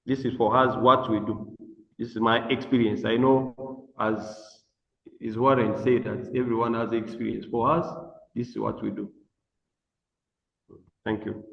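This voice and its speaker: A man, a psychiatrist and dermatologist, talking on a video call in a halting way, with many restarts and fillers. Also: mid-range voice, fairly even intonation, vocal fry. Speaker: psychiatrist and dermatologist, webinar speaker. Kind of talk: unscripted talk on a video call. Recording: muffled, roomy, long echo.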